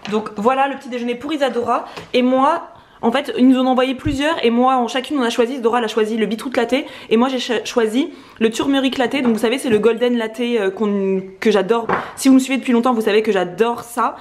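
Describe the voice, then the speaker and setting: A young woman with a slightly high voice talks fast as she chats casually to camera in her home kitchen. A lively vlogger co-host, she explains breakfast while she cooks.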